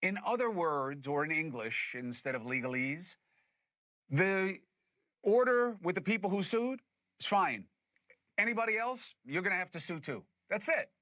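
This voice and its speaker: Male host doing a political rant, bright sharp voice, emphatic, dry close sound. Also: sits high, normal speed, no echo. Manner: emphatic and animated, with scornful laughs. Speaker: podcast host. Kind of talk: political commentary.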